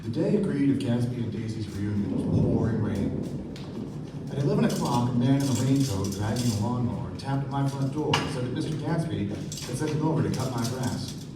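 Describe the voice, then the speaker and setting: An actor with a mid-range voice plays a polite, wry young man narrating a radio play, speaking fairly quickly with light acting in a measured, narrating mood. The stage recording is very echoey, distant and noisy.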